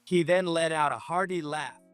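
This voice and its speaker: A man narrating a scripted first-person story in an even, measured way. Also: a little high, clean tone, no room sound, faint music behind.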